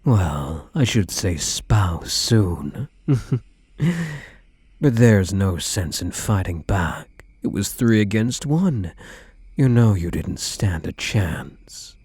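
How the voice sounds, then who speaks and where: A man with a low, dark, slightly husky voice plays a possessive yandere kidnapper on his wedding day in an ASMR roleplay drama, menacing yet doting. Gloating and heavily acted, he delivers slow, taunting, mock-tender endearments and quiet threats, his pitch swinging with lively intonation. The recording is dry.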